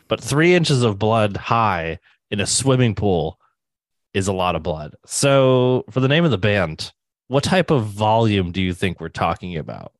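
Low voiced dude cohosting a podcast, jokey stories, swears, dry close sound. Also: male voice, dry recording. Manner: joking storyteller, swears freely. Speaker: podcast co-host. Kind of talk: casual podcast chat.

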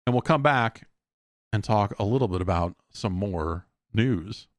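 A man with a lowish voice hosts a solo podcast, speaking in an animated way at a measured pace. His talk is rambling, informal and wry, drifting between casual commentary and ads he reads himself. The recording is clean studio quality with no room sound.

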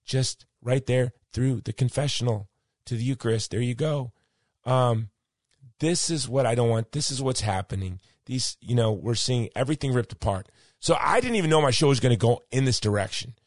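A hoarse podcast host who is losing his voice wraps up his show with a casual monologue, rambling through personal stories with frequent ums. His mid-range, slightly mellow voice moves at a normal speed, and the sound is clean studio audio with no echo.

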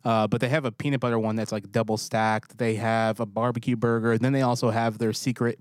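A man's voice: medium pitch, little pitch movement, a little fast, no echo, clean studio sound. A man co-hosting a podcast in casual chat, easygoing and a bit rambling as he reads tips and ads. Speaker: podcast co-host.

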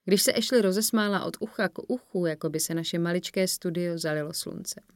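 A woman reading a first-person audiobook in a measured storytelling manner, voicing the characters as she goes. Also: lowish voice, dry recording, studio quality. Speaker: audiobook narrator.

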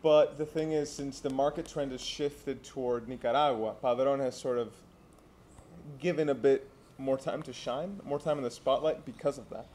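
A young man from Santiago co-hosts a casual chat and tells stories in an easy, rambling way, laughing and restarting his sentences. His voice sits at a medium pitch, and there is a faint hiss of noise behind him. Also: moderate pace. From Santiago, Dominican Republic. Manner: relaxed storytelling with laughs and restarts. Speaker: co-host.

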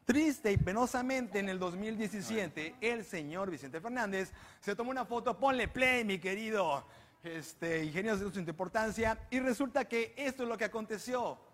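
Joking Mexican man with a high voice. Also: normal speed, a bit bright. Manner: joking, slangy, teasing the studio crew. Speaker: guest presenter of a comedy panel show. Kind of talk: comedic show commentary.

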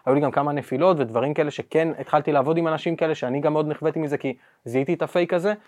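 A man's voice: a little high, a little mellow. A man hosting a podcast interview, talking in a reflective, hesitant way with restarts. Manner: reflective, hesitant with repeated words and fillers. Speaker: podcast host.

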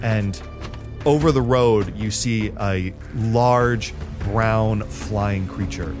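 A man's voice: on the low side, extremely slow. A man narrating a tabletop game as game master, telling the story in a dramatic way. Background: music.

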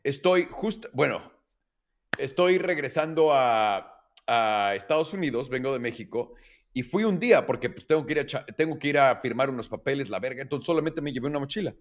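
A man's voice: medium pitch, lively intonation, brisk. A man with a Mexican accent telling a long personal story on a casual podcast, acting out the voices of the people in it and swearing freely. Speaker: podcast host.

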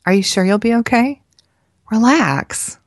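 A woman's voice: a little high, animated, measured pace, no echo, clean studio sound, pitched above the performer's own voice. A woman reading the lines of a fussy, fond middle-aged mother in a fretful, teasing way.

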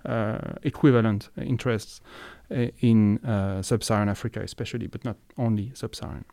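A man's voice: mid-range voice, creaky, no room sound, clean studio sound. A man hosting an academic interview podcast, hesitant and searching for words as he frames questions. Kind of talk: conversational interview.

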